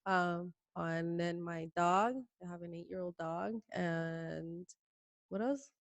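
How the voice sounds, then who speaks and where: A woman from Puerto Rico co-hosting a relaxed podcast, speaking in a somewhat low voice. She talks in a teasing, easygoing way and laughs easily. The recording is dry, with a close mic. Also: slow, gravelly, dry recording. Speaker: podcast co-host. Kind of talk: casual chat.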